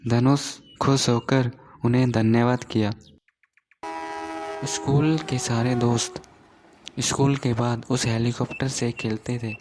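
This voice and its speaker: Reading a scripted children's story, a male narrator speaks slowly in a medium-pitched voice that stays level, barely rising or falling. His intonation is fairly even, and music plays behind him.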